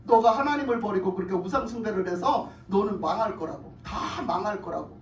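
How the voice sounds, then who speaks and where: A woman's voice: medium pitch, a little fast, reverberant, recorded from a distance, a little hiss or hum, voice pushed down, natural voice. A woman preacher voicing a stern male prophet who scolds and pronounces doom. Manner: scolding, forceful denunciation.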